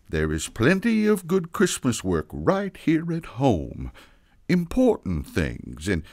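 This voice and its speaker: A man playing Santa as an earnest, flustered older father who speaks haltingly in a children's audio story. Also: medium pitch, darkish tone, no room sound, clean studio sound, heavily acted. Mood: emotional, fatherly. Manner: halting, emotional, deliberate pauses.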